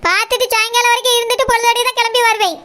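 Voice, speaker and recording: A voice actor playing a young, sharp-tongued village daughter-in-law in a cartoon, with a Kanyakumari Tamil accent, talking back quickly. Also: extremely high pitch, fairly even intonation, heavy background noise. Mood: defiant. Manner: talks back, quick and cheeky.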